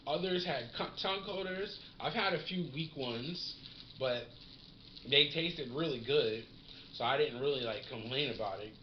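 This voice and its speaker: A man's voice: medium pitch, moderate pace. Laid-back man reviewing cannabis, roomy sound. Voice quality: slangy, relaxed, savoring. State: smoking while talking. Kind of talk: casual strain review vlog. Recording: roomy, dull lo-fi sound with faint noise.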